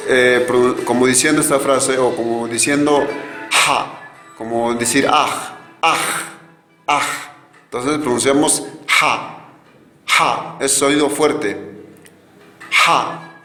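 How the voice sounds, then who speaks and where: A man teaching a virtual language class, slowly repeating each word so learners can echo it. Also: medium pitch, a bit bright. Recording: echoey room with faint music.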